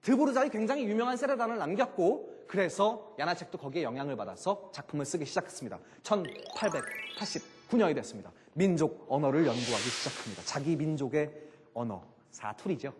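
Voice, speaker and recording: A middle-aged man giving a joking, animated lecture on classical music to a live audience, full of rhetorical questions. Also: fairly high pitch, fairly quick, in a large hall.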